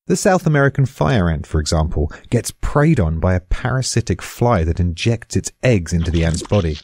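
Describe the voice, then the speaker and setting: A man's voice: low voice, sing-song, moderate pace, a little mellow, no echo. A British man giving a scripted podcast explanation in a dry, darkly amused way.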